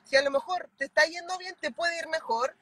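High-voiced Chilean woman, fervent. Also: brisk, a bit bright. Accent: Chilean Spanish. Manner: fervent, emphatic. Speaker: mentoring client. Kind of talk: video call testimonial. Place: inside a car. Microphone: phone at arm's length.

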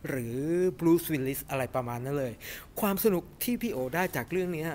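A man's voice: fairly high pitch, quick pace, a little hiss or hum. Chatty middle-aged man reviewing a film. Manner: chatty and animated, refers to himself by nickname, many fillers. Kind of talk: casual movie review to camera. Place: cinema lobby in front of a movie poster, indoors.

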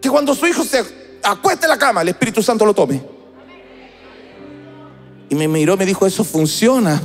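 A high-voiced male preacher delivers an emphatic, chanting sermon in church. He acts out his story with vivid emphasis. Soft music plays faintly behind him. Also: sing-song, fairly quick, in a large hall. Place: church service.

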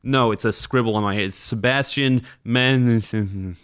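A man's voice: mid-range voice, normal speed, a bit bright, smooth. A man hosting a podcast, rambling casually with self-deprecating asides, sounding tired. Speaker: podcast host. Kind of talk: casual chat.

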